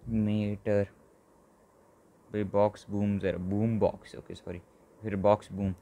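A man with a fairly low voice talks through a mobile football game as he plays it. His commentary is casual and excitable, full of quick exclamations, and he addresses his viewers like friends. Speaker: gaming channel host. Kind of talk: casual live gameplay commentary.

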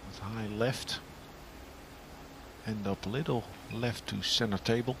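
A man from Europe commentating live on a pool match, calmly explaining each shot and position. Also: fairly low pitch, vocal fry, background noise. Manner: measured, analytical shot-by-shot explanation.

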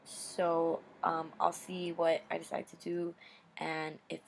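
A teenage girl talks to her viewers in a halting, apologetic ramble, stopping and restarting as she goes. A retainer slurs her consonants a little, and her low, flat voice slips into fry. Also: slight background noise. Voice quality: slurred speech from a dental retainer. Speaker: YouTuber. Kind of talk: casual vlog update.

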